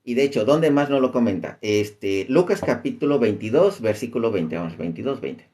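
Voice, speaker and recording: A man's voice: mid-range voice, expressive, moderate pace, warm tone. Guy doing a casual bible talk, reads verses out, says "este" a lot. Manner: reads scripture aloud, searches for verses mid-talk, uses "este" as filler. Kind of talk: informal Bible teaching.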